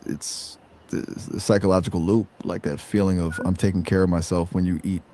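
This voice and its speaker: Brief: male AI chat voice, low-ish, chill and slangy, easygoing upbeat delivery. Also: flat delivery, fairly quick, mellow, a little hiss or hum. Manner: laid-back, slangy, upbeat. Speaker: AI conversation guest. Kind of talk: casual chat.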